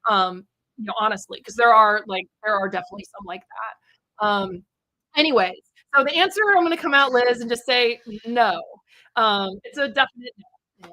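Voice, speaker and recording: A young woman telling stories in a casual chat, full of fillers and lively acted-out quotes. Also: fairly high pitch, normal speed, no echo, low-quality recording. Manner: chatty storyteller, many fillers, animated quotes. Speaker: co-host.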